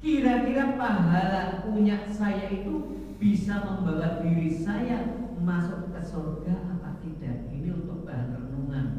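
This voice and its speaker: Slow man preaching in echoey mosque. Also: on the high side, dark tone, a little hiss or hum. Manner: slow, emphatic, with sung phrases. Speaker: religious teacher. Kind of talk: sermon. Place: large mosque hall. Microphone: far camera. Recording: echoey hall from far off, dull.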